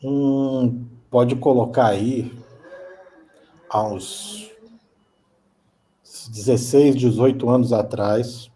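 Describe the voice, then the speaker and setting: A man's voice: mid-range voice, mellow, a little hiss or hum. A man in his fifties with a Brazilian Portuguese accent, answering interview questions hesitantly and often repeating words. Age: 50s. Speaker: guest.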